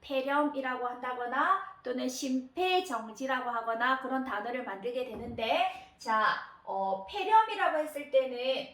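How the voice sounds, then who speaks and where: A woman teaching Japanese kanji readings, patient, often pausing with fillers and repeating key words slowly. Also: high voice, animated, a bit bright. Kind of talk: explanatory lesson narration. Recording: roomy echo.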